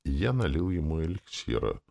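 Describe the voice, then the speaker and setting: A man narrating a first-person fantasy audiobook in a wry, expressive way. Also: rumbling low, normal speed, vocal fry.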